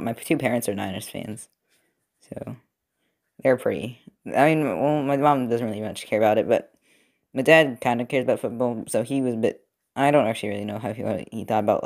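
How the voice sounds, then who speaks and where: A young man talks casually in a mid-pitched voice while he works. He rambles, with many fillers and restarts. His pitch sits neither high nor low. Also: brisk, a little mellow. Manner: rambling, filler-heavy, self-correcting. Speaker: robot-building video creator. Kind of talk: casual commentary while working. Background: TV football game.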